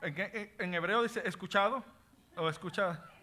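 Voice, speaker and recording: High, bright-voiced male Bible teacher. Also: moderate pace. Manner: reads scripture aloud and explains word meanings, asking the class questions; switches between Spanish and English words. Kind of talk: Bible study class.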